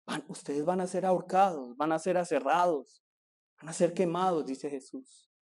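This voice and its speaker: A pastor delivers a sermon, his voice sitting a little higher than most men's. He drives his points with rhetorical questions and rising emphasis, now and then slipping into mocking, whiny quotes of his listeners. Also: moderate pace, darkish tone.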